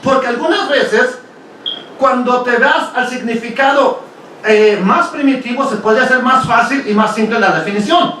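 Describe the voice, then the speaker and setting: His voice pitched high, a man teaches his congregation a Bible study at an ordinary pace, conversational in tone, full of rhetorical questions and tagged "ok?"s. Heard from far off the mic, the sound rings around a very echoey hall over a faint hiss.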